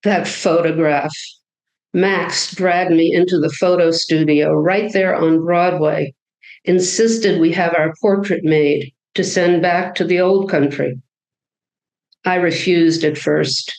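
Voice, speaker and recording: Casting: a reader playing a blunt old great-grandmother with a German accent, slow and wry, roomy live sound. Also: medium pitch, steady tone. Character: stern immigrant great-grandmother, woman, old.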